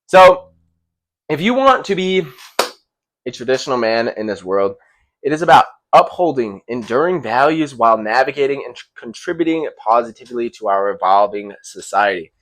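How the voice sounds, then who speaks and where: A man's voice: medium pitch, sing-song, brisk, a bit bright. A young man giving a casual motivational monologue, blunt and profane, full of slang and repeated phrases, sometimes stumbling over his words. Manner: slangy, calls listeners bro. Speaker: self-improvement vlogger.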